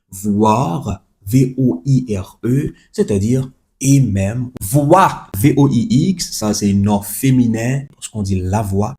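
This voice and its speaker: A man's voice: medium pitch, mellow. A man teaching a French lesson, spelling words letter by letter, repeating each example and adding chatty asides to the listener. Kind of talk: explaining a language lesson.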